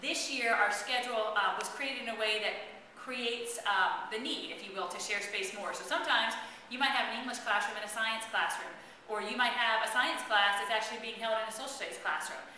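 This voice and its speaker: A woman school administrator speaks to students in a brisk, earnest, direct way, her voice bright and a little high. She sits well back from the microphone in a strongly echoing school room, with faint noise underneath. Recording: echoey room, far from mic, faint noise.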